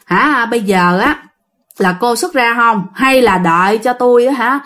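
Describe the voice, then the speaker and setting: A woman voicing a calm, firm middle-aged male exorcist who questions sternly. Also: a little high, a little slow.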